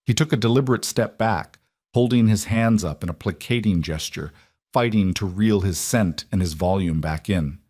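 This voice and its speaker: Low-voiced man reading a story. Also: normal speed, darkish tone, no echo, clean studio sound. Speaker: narrator. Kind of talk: scripted first-person story narration.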